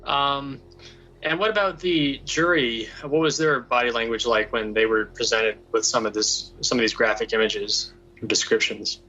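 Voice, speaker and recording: A man hosting a podcast and asking a reporter brisk, plain questions. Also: mid-range voice, steady tone, pushed and bright, slight background noise. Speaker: podcast host interviewer. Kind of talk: interview questions. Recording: dull lo-fi audio.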